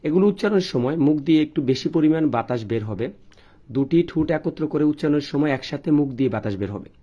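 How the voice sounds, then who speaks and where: A man's voice: a little high, lively intonation, quick pace, mellow, dull audio. A man from Bangladesh with a Bangladeshi accent, teaching English pronunciation and reading out word lists one word at a time. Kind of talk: pronunciation lesson.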